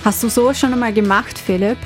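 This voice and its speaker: A woman's voice: a little high, fairly even intonation, quick pace, soft background music. A woman hosting a radio city magazine, chatting lightly with her co-host.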